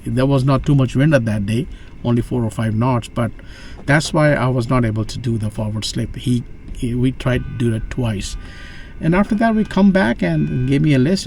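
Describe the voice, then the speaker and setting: A man telling a story in a casual vlog style as a student pilot, in a halting, loosely phrased way with some repetition. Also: mid-range voice, a little mellow, slight background noise.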